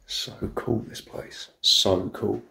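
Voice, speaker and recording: With a fairly low, creaky voice, the English explorer takes it slowly as he makes his way through the empty home. His narration is full of thrilled, wonder-struck comments aimed at the people watching.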